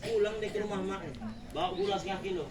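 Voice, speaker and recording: High-voiced preacher, echoey hall. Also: male voice, fairly even intonation, fast, very noisy. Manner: jokey, storytelling, addresses the audience directly. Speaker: Islamic preacher. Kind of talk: lively humorous sermon. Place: school religious gathering. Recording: echoey room, distant mic, dull lo-fi.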